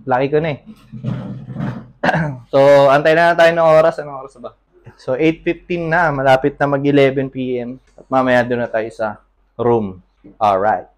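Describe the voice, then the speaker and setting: A man's voice: mid-range voice, fairly even intonation, normal speed, long pauses. A man from the Philippines chats casually to his viewers from his computer shop. He is easygoing and laughs often. He sounds a bit out of breath. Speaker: computer shop owner and vlogger. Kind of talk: casual vlog chat.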